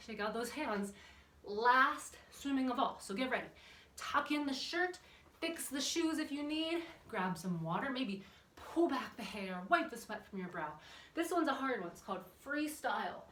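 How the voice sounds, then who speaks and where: She's a kids' exercise and yoga instructor whose high, fairly bright voice is expressive and moves at a moderate pace. Leading a children's workout, she talks warmly and encouragingly, often putting questions to the little ones while instructing. Background noise and room echo come through a distant mic.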